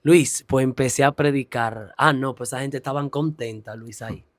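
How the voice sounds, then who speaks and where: A man's voice: mid-range voice, fairly even intonation, normal speed, no room sound, studio quality. Earnest male guest giving testimony. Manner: earnest, rising into preacher-like emphasis. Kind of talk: personal testimony, preaching cadence.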